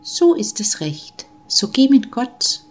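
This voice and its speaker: A woman voicing the Christ Child in a recited Christmas poem, high and urging. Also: sing-song, takes it slowly, heavily acted. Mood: blessing. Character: the Christ Child, small, bright and eager.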